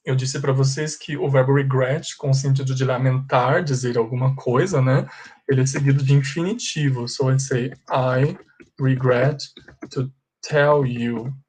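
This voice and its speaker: A man's voice: medium pitch, steady tone, darkish tone, a little hiss or hum. Brazilian man teaching English grammar. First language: Portuguese. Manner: explains in Portuguese, reads English examples slowly. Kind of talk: online English grammar lesson.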